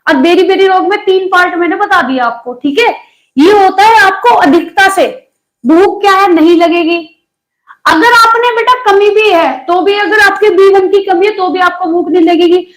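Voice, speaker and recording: High-voiced woman teaching a lesson. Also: normal speed. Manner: chatty, scolding jokes with students. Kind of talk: online exam-prep lesson.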